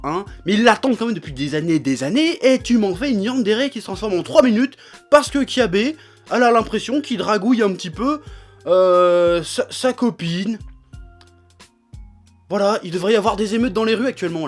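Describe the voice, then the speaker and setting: A young man delivers an exasperated, foul-mouthed video rant in the manner of a raging gamer. His pitch leaps up and down with great animation as he complains. Music plays behind his voice. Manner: raging gamer-style ranter, irate, sweary, exasperated. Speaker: anime episode reviewer. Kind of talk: ranting video commentary.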